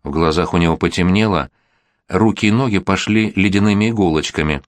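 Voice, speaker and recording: A man narrating an audiobook in a steady, even voice. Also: sits low, a little fast, no room sound.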